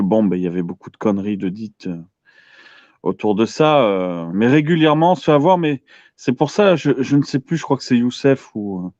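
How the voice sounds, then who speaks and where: A man's voice: lowish voice, darkish tone, no echo. Dull-sounding man calling a radio show. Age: 30s. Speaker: caller on an open-line internet radio show. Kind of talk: casual radio show caller chat. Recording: dull lo-fi call audio.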